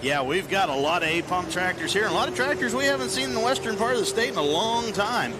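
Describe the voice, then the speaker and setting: A man working as a tractor pull announcer, calling out competitors and distances with deliberate, repeated detail. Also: high-pitched, animated, loud music behind the voice. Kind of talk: tractor pull announcing over a public address. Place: outdoors at a fairground tractor pull. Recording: very noisy outdoor event with engine noise.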